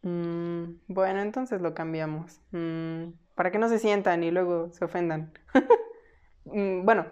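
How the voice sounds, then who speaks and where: A woman's voice: fairly low pitch, fairly even intonation, measured pace, darkish tone, lo-fi sound. A young woman with a Mexican accent, co-hosting a podcast in casual, unscripted chat full of informal slang. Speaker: podcast co-host.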